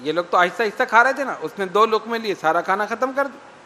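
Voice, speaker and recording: A man preaching with a very high, bright voice. He delivers slow, emphatic lines and recites hadith. His voice echoes with a long reverb. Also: animated, slight background noise. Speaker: Islamic preacher. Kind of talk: sermon.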